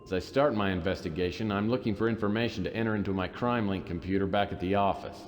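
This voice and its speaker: Guy doing a deep-voiced wisecracking noir detective, sardonic and dry, echoey. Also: fast talker, slight background noise, lightly acted. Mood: wry. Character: wisecracking hard-boiled male detective. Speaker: game narrator and lead character. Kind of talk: 1990s game voice acting.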